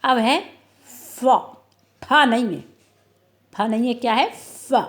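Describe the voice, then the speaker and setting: A woman teaching an online phonics lesson to young children, reading words out one at a time and answering her own questions. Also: fairly high pitch. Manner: slow, drawn-out word-by-word reading; asks questions and answers them herself. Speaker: primary school teacher.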